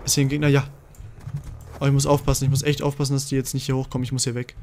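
A young man giving live gameplay commentary as a gaming video host, excitable and swinging from mutters to shouts. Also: mid-range voice, racing, slight background noise.

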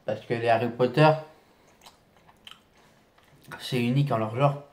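A man's voice: mid-range voice, steady tone, a little mellow, echoey room. Man chewing while he talks. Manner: halting, repeats words, casual slang. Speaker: food vlogger. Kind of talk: casual vlog talk to camera.

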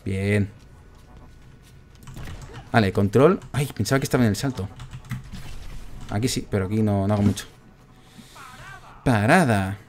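Guy playing a game and chatting away, gets all worked up, kinda low voice, typing in the background. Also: normal speed, pauses often. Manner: chatty, excitable, groans at misses. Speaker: gaming streamer. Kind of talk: casual gameplay commentary.

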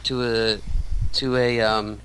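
A man's voice: medium pitch, level tone, slow, fairly bright tone, a little hiss or hum, poor audio. A man in his thirties, a radio show guest, talking casually with many restarts and fillers. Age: 30s. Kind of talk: casual interview talk.

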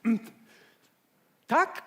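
A man's voice: extremely slow, sharp tone, a little hiss or hum. A man in a stage comedy sketch, playing a flustered office worker who stammers and bluffs his way through.

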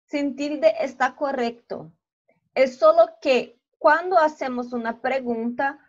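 A woman Spanish teacher giving a slow, patient online review lesson, often checking in with "ok?". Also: on the high side, dull audio. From Brazil.

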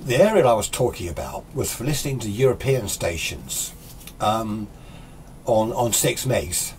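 This hobbyist from the United Kingdom, a man in his sixties, explains things in a rambling, opinionated, informal way while presenting a tutorial in a small indoor radio workshop. His voice is on the low side and a little mellow, with big pitch swings, a moderate pace and slight background noise.

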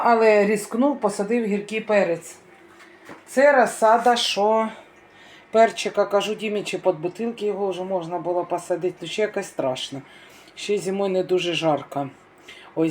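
A woman's voice: on the low side, darkish tone, slight background noise. Chatty village woman filming her garden. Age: middle-aged. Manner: chatty, homely, shows things to camera. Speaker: family vlogger. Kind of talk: casual vlog narration.

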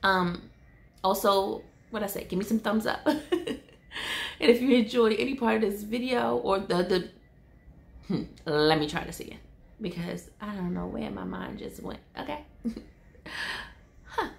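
A woman's voice: mid-range voice, unhurried, creaky, pauses often. A woman in her thirties talking casually to camera in an indoor room, chatty and self-correcting, laughing at herself. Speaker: vlogger. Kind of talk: casual vlog talk to camera. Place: indoor room with window blinds. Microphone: camera in front of her.

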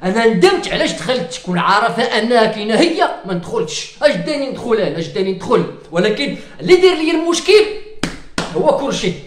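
Moroccan male comic, fast wailing rant, echoey room. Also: extremely high pitch, very animated, slight background noise. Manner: wailing, ranting, theatrical lament. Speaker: comedian. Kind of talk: comic sketch monologue. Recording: roomy echo.

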